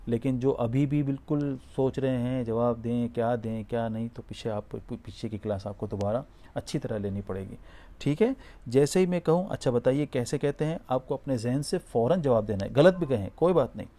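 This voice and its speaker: A man teaching a spoken Arabic class, running repeat-after-me drills. He says each phrase slowly and clearly, then prompts the listener to say it again. His voice sits at a middle pitch, and he cheers learners on. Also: warm tone. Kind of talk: spoken language drill lesson.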